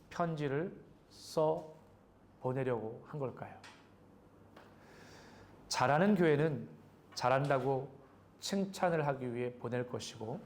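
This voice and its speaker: A man's voice: medium pitch, a little mellow, slight background noise. A male pastor preaching a sermon in a conversational way, asking the congregation questions. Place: church sanctuary.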